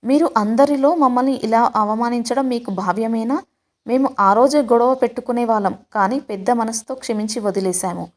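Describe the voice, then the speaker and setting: A woman voicing a stern elderly grandmother in a storybook, speaking with measured reproach. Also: fairly high pitch, close to an everyday voice. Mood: reproachful.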